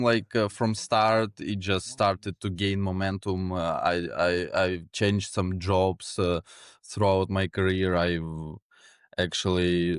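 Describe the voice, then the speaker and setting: A man in his twenties from Ukraine, a guest in a casual interview, talking in a relaxed way with many fillers and small chuckles. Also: sits low, clean tone, no echo, studio quality. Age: 20s. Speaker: guest, sales executive.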